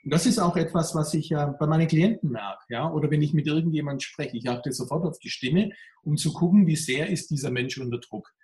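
A man in an interview answers thoughtfully and at length. His voice sits somewhat high and sounds pressed from a tight neck. The room gives it a noticeable echo. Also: brisk, a little mellow. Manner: reflective, speaks of a strained, pressed voice. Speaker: coach and workshop speaker. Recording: roomy echo.

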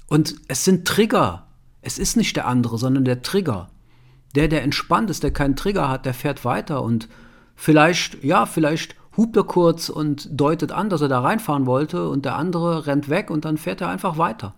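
A man giving a conversational self-help talk straight to the listener, asking rhetorical questions and tagging his sentences with a questioning "ja?". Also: on the high side.

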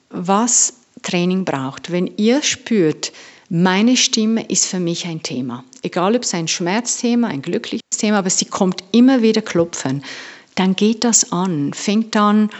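Slow, playful woman voice coach. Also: medium pitch, lo-fi sound. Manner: lively, playful, mixes in English words, searches for German words. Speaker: voice coach, guest. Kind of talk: podcast interview.

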